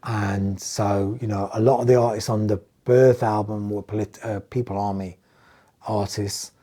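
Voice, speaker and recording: The English-accented, middle-aged music producer from England speaks at a moderate pace in a voice on the low side. He guests on a casual podcast, animatedly recounting stories and performing what the people in them said.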